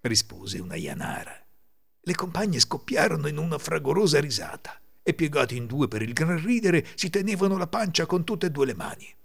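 An Italian storyteller reading a folk tale with theatrical flair. His mid-pitched voice moves lively up and down, with a gravelly rasp. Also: normal speed. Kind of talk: scripted folk tale narration.

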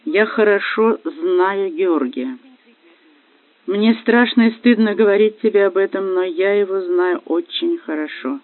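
A man with a high-pitched voice, speaking at a measured pace, voices a desperate young wife who pleads through tears. The recording is dry and phone-like lo-fi, with no echo.

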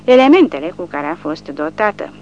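A woman's voice: fairly low pitch, big pitch swings, darkish tone. Lady doing a crude leering soldier guy, dull muffled audio. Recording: dull lo-fi with faint hum.

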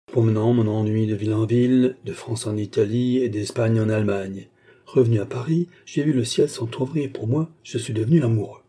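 A man reading aloud as a scheming, smooth-talking English baronet who speaks with courteous self-assurance. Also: mid-range voice, mellow, close to an everyday voice.

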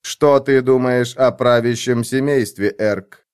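Audiobook figure: male reader doing a dispassionate overseer, unhurried, detached delivery. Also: mid-range voice, clean tone, natural voice. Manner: flat, unhurried, emotionless. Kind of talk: audiobook character voice.

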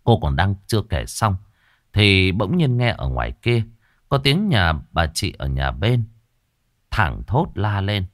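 A man narrating a ghost story in a measured, dramatic manner. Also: on the low side, sing-song, no echo, clean studio sound.

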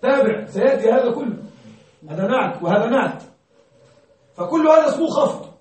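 High-voiced male teacher in an echoing classroom. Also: animated, a little mellow. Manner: questions the students and checks they follow; repeats key words slowly. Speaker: grammar teacher. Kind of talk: classroom lesson. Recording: very echoey room, distant mic.

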